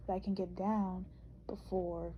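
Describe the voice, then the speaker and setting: A woman's voice: on the low side, little pitch movement, measured pace, lo-fi sound, slight background noise. A young woman narrating her vlog in a chatty, informal, casual voice-over. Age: young adult. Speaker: vlogger.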